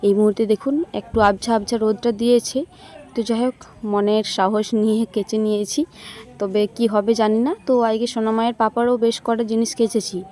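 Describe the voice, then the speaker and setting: A woman's voice: fairly high pitch, flat delivery, brisk, darkish tone. A woman vlogger chatting casually to viewers about her day, sounding tired. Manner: chatty, addresses viewers directly. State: tired, sore legs. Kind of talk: casual vlog narration.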